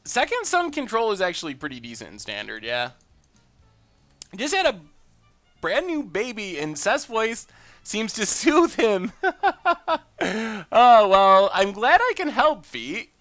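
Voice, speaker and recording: A streamer narrates a card game live and chats upbeat with viewers, answering what they write in chat. His voice sits high and sounds bright and forceful, with no echo.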